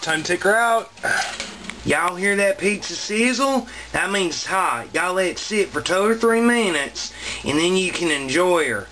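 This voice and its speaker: A man in his thirties does a casual, self-mocking cooking demo in a small home kitchen, speaking into a close handheld camera mic. His high voice is bright, forceful and animated at a measured pace, chatty with playful asides, and there's slight background noise.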